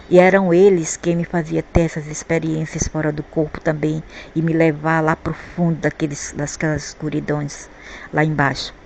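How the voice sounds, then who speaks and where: With a deep, somewhat mellow voice marked by vocal fry, the Brazilian spiritual vlogger recounts a rambling personal story of spirits and the afterlife. She keeps repeating words while looking for them, and a little hiss or hum runs under the recording.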